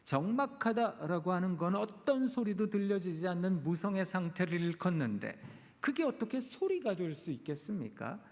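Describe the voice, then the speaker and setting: A man's voice: high voice, sing-song, a little mellow. Man preaching with dramatic storytelling. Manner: dramatic storytelling, slows for emphasis. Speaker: guest preacher, professor. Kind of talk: sermon. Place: church sanctuary. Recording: echoey church hall.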